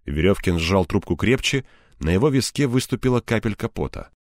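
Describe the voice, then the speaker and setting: A man narrating an audiobook in a measured storytelling voice. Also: fairly low pitch, expressive, no room sound, studio quality.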